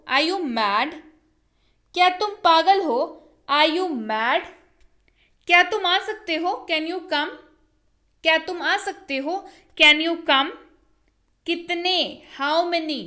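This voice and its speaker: A woman teaching English in Hindi, saying each phrase twice, slowly and clearly, for the learners to practice. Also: high-pitched, bright, forceful tone. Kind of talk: spoken English lesson in Hindi.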